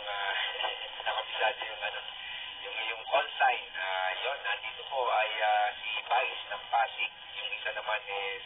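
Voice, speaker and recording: A man on a two-way radio transmission, an amateur radio operator exchanging call signs and signal reports in a hesitant way, with many fillers. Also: lowish voice. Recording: tinny radio line.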